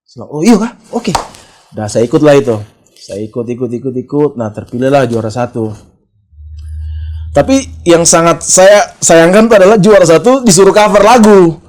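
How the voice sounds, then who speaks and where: A man's voice: on the high side, normal speed, darkish tone. A man from Papua in his thirties, a guest singer telling his story in a casual interview and acting out the dialogue he quotes.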